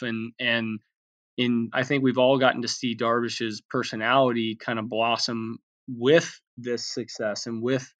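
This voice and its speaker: A man in a loose interview chat, a pitching coach who circles back on his words as he explains. His voice sits mid-pitch and comes through a slightly dull, lo-fi line. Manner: talkative, many restarts and fillers.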